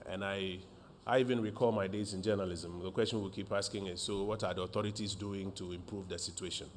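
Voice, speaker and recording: A man, a government minister opening a press briefing in a formal, measured way with frequent fillers. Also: sits low, steady tone, slight background noise.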